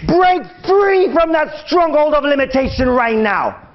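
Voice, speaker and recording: A man leads a fervent prayer, commanding and repetitive, climbing into shouts. His voice sits very high and swings widely, delivered slowly. The sound is dull and lo-fi. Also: lively intonation, a little hiss or hum. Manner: commanding, repeating phrases, rising to shouts. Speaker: preacher.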